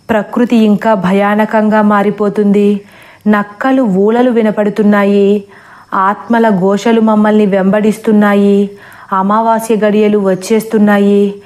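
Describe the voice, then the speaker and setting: Woman reading horror story in a flat voice. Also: mid-range voice, a little slow. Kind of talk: scripted first-person horror narration.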